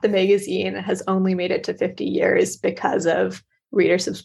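A woman speaking as a panelist on a podcast. Her voice is mid-pitched with a husky grain. She chats casually and jokes wryly. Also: monotone, moderate pace, a little mellow. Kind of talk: casual chat.

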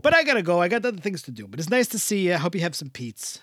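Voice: medium pitch, sing-song, fairly quick, lightly acted. A radio co-host voicing a jovial, pushy older Italian-American man who stuffs "a" before every noun and mangles Italian food names. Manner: exaggerated sing-song swoops. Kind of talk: comedic bit in a radio show.

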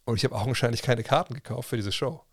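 A livestream host in his thirties talks fast in a mid-range voice, captured dry with clean studio sound. Telling a casual story, he chats in slang, restarts often and quotes his own self-talk.

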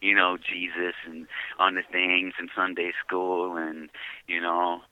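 A man's voice: deep voice, flat delivery, unhurried, smooth, no echo. A man calling on a prison phone line, telling his story in a reflective way and often asking if he's understood. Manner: reflective storytelling, often asks "you know what I mean?". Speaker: incarcerated caller. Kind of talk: casual chat.

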